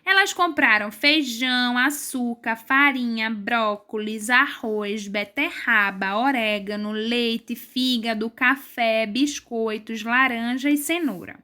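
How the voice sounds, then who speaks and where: A woman teacher with a Brazilian Portuguese accent, giving a recorded class to children and patiently explaining step by step, stretching syllables slowly when she stresses a word. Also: a little high, sharp tone. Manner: slow, drawn-out syllables when stressing words. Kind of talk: recorded remote class lesson.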